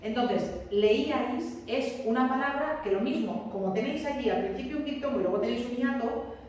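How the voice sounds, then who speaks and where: Woman teacher, fairly high voice, patient lecture style, long echo, distant mic. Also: normal speed, a little mellow. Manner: explains patiently, repeats key points, checks with students. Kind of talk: classroom lecture. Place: classroom. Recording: roomy echo, distant mic, faint room noise.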